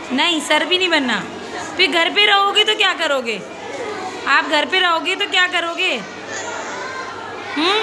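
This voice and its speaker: A young woman with a high voice vlogs casually from a school, a schoolteacher chatting and coaxing a child with questions on a phone she holds as she walks. Loud crowds of children chatter around her, and steady noise fills the background. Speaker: schoolteacher and vlogger. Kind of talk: casual vlog chat. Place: school grounds and corridors. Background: children playing and chatter.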